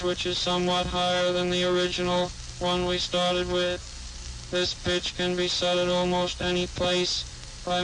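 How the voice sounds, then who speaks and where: A man giving a formal technical demonstration, his speech passed through a vocoder, talking in a measured, precise way. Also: sits high, fairly bright tone, rough recording. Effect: vocoder-processed voice. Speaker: engineer demonstrating a speech device.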